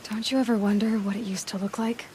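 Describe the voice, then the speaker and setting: A woman's voice: mid-range voice, steady tone, fast talker, warm tone, slight background noise, close to an everyday voice. Woman playing Aloy, wry determined young huntress. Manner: wry, direct. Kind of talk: video game dramatic dialogue.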